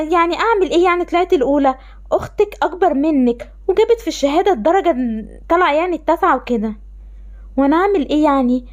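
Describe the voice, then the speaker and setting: A woman with an Egyptian accent voicing an indifferent mother in a voiced game-animation story, speaking in an offhand, dismissive way. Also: sits high. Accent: Egyptian Arabic. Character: indifferent mother who favors one daughter.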